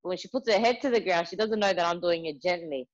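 A woman's voice: on the low side, quick pace. A young woman, a mother, telling chatty stories with plenty of fillers in casual conversation. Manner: chatty storyteller, many fillers. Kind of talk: casual chat. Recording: slightly muffled lo-fi audio.

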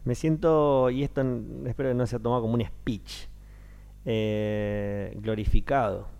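A stage actor in his thirties, Rioplatense Spanish accent, speaks casually in an interview with a medium-pitched, clean voice, measured pace, and vocal fry. He's an animated storyteller, playing out the voices of anyone he quotes.

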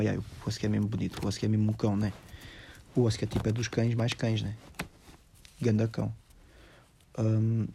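A young man with a Lisbon Portuguese accent chats straight to his listeners. His voice is very dark and mellow. He rambles through the story in loose slang, tossing in English words as he goes. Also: mid-range voice, gravelly, breathy edge. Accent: European Portuguese, Lisbon. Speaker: vlogger telling a personal story. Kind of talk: casual storytelling monologue.

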